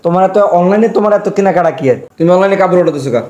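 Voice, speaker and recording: Actor as a stingy, hot-tempered son, hectoring, very high and rapid-fire, echoey room. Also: male voice, dark tone, muffled recording, natural voice. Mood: scolding. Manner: scolding, hectoring rhetorical questions. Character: stingy hot-tempered grown son, berating his mother.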